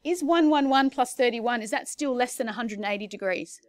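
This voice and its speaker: A woman's voice: on the high side, a little fast, no room sound, studio quality. A woman teaching a maths class in a chatty way, correcting herself and checking in with her students. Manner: chatty, self-correcting, asks the class questions. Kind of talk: classroom lesson.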